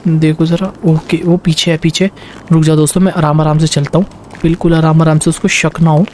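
Excitable young man narrating gameplay. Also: a little high, brisk, a little hiss or hum. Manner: excitable, talks to viewers, barks orders in role. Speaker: gameplay commentator. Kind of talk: Hindi gameplay commentary with English words.

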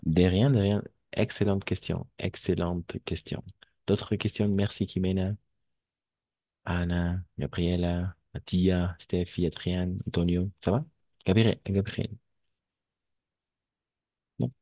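A man's voice: low voice, flat delivery, takes it slowly, long pauses, warm tone, no room sound, lo-fi sound. A male French teacher giving an online class, patiently repeating words and switching into Spanish to explain them.

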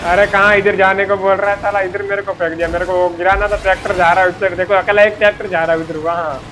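A man's voice: high voice, very fast. A man hosting live gameplay, joking, laughing a lot and swearing mildly as he plays. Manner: excited, joking, laughs often, mild swearing. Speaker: gaming channel host. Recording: voice over loud game noise.

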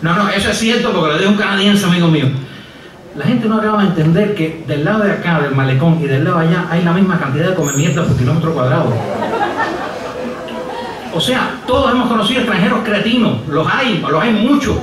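A middle-aged Cuban comedian and writer delivers a wry, rambling stand-up monologue full of hesitations from an outdoor stage with a stand mic. His voice sits high and he talks fast. The echoey live sound is captured from far off, with crowd noise, background noise and an audience laughing.

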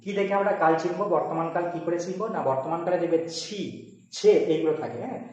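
A man's voice: sits high, darkish tone. A man teaching Sanskrit grammar to students, explaining rules step by step and often checking that they follow. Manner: quick, repeats rules and checks with "ঠিক আছে?". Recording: very echoey room.

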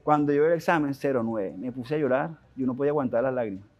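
A young adult man with a Venezuelan accent, a guest telling his life story in an interview, animated and full of restarts and slang. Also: medium pitch, lo-fi sound. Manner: animated, fast-talking, with frequent restarts and slang.

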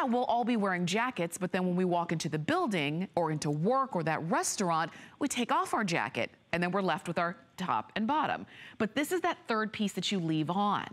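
A middle-aged American woman hosting a shopping channel, giving an unscripted, chatty and persuasive sales pitch that repeats points for emphasis. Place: TV studio.

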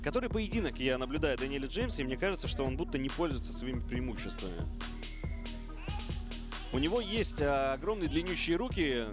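A man's voice: medium pitch, big pitch swings, brisk, music in the background. A man co-commentating on a fight, giving analytical commentary.

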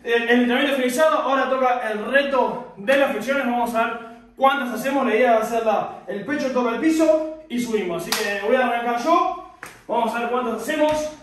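A man's voice: very high voice, fairly quick, a bit bright. A man talking casually to the camera as a fitness vlogger after a workout. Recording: very echoey room, distant mic, faint noise.

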